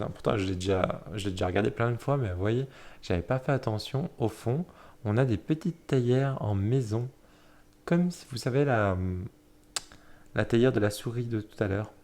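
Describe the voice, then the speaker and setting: Hesitant low-voiced man showing tarot cards. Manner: hesitant, many fillers and self-corrections; admiring, soft-spoken commentary. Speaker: tarot deck reviewer. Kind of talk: casual deck flip-through.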